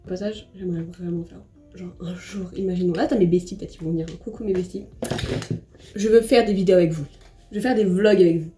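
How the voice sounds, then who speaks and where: A woman's voice: on the low side, steady tone, fast. A young woman from France chatting casually while doing her makeup, rambling and self-deprecating, with lots of fillers and restarts. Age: young adult. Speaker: vlogger. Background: soft background music.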